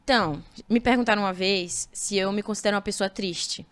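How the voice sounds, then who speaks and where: A young woman from Brazil, a singer, chatting as a guest in a relaxed podcast interview, animated and full of fillers. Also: mid-range voice, a little fast. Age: young adult. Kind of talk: casual interview chat.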